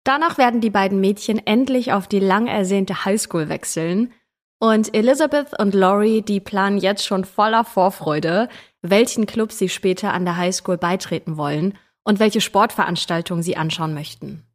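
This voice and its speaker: A woman's voice: mid-range voice, normal speed. Woman narrating a true crime podcast. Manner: dramatic storytelling, careful warnings. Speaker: podcast co-host.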